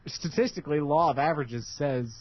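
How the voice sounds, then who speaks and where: An American man co-hosts a laid-back gaming podcast, rambling along in a wry, offhand way. His voice is on the high side and fairly quick. The lo-fi podcast mic gives the sound a dull quality.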